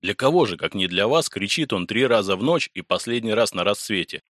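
A man narrates a literary story in the first person, measured and deliberate, with a dry touch of irony. His voice sits low, and the recording is close and dry, with no room around it. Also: expressive, fairly bright tone, no echo. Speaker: audiobook narrator.

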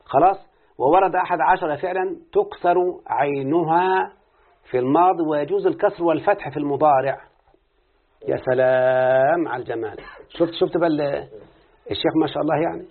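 A man's voice: fairly high pitch, a little fast. A man teaching Arabic morphology with an Egyptian accent, quizzing his student and repeating the answers back to him. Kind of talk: classroom lesson with questions to a student. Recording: phone-like lo-fi audio.

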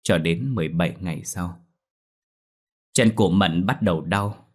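A man narrating a ghost story in a steady, measured way. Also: deep voice.

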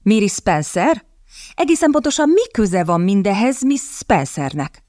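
A woman's voice: medium pitch, big pitch swings, warm tone, no echo, clean studio sound, voice pushed up, natural voice. A woman reading the part of a proud young lady who speaks sharply and with cutting sarcasm. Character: young woman, proud, quick-witted, indignant.

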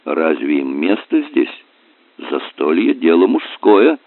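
A proud, easygoing young mountain villager, played by a male audiobook reader, slow and offhand. The reader's deep voice climbs higher in the villager's retorts. The sound is dry and boxy, like a telephone. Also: very animated, vocal fry, no echo, full character voice. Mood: dismissive. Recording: dry, narrow phone-like sound.

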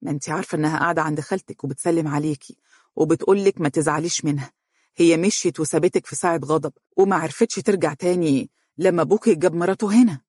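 A kind young man with an Egyptian accent reassures his sister in quick, gentle words, as a woman reading the story voices him. The voice is husky and dry, close to the reader's own. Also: deep voice, dry recording. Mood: reassuring.

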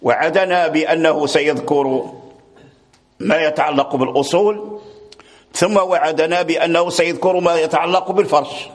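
A man's voice: a little high, steady tone, normal speed. A man teaching a lesson on Quran recitation, patiently repeating words and phrases as he explains. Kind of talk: religious lecture.

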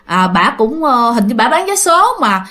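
A woman's voice: on the high side, sing-song, unhurried, sharp tone, full character voice. A woman voicing a cheeky, flirtatious male truck driver who talks in a sleazy, chatty Southern Vietnamese way. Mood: flirty.

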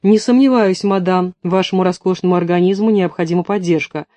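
A man's voice: sits high, steady tone, a little fast, warm tone, no echo, natural voice. Man doing a gallant, ironic young man. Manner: mock-courtly, ironic.

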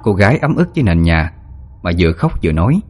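A man narrating a ghost story in a steady, dramatic way. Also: low-pitched, fast, soft background music.

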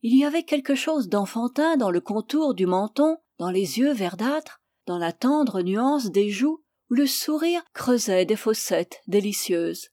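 A woman reads a literary novel aloud in a measured, expressive way. Her voice is mellow and warm, recorded dry and close. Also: on the high side, no room sound. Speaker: audiobook reader. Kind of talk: scripted literary narration.

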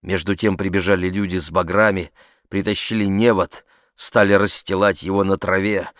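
A man narrating a classic story in a measured, dramatic way. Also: sits low, level tone, a bit bright, no echo, clean studio sound. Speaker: audiobook narrator. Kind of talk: scripted narration.

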